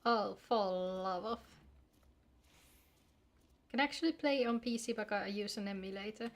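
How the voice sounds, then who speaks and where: A woman with a mid-range voice and moderate pace streams an online game live. She chats with her viewers casually and playfully, keeping it informal and swearing freely.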